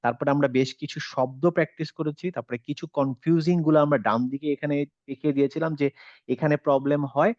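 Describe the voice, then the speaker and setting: A man's voice: on the high side, fairly even intonation, a little mellow, no room sound, lo-fi sound. Man teaching a patient tajweed class. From Bangladesh. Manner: explains slowly, mixes English words into Bengali, models sounds. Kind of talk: online class lesson.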